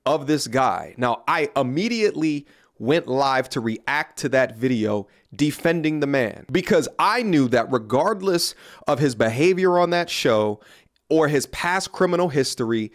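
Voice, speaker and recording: A man's voice: mid-range voice, animated, measured pace. A man in his thirties delivering a pointed, earnest commentary on a studio microphone in a small room. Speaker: commentary YouTuber. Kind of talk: scripted commentary video. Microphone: studio mic on a boom in front of him.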